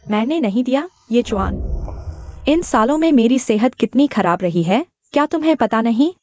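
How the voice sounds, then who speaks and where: A woman's voice: fairly high pitch, expressive, moderate pace, a little mellow, no room sound, highs cut off, lightly acted. An actress dubbing a frail, scheming young woman who pleads and plays the victim. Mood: pleading. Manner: pleading and self-pitying. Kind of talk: dubbed drama acting.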